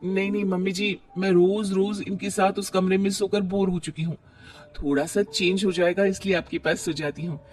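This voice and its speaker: A man's voice: high voice, flat delivery, normal speed, a little mellow, pitched above the performer's own voice, natural voice. Man doing a stubborn young wife. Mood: insistent.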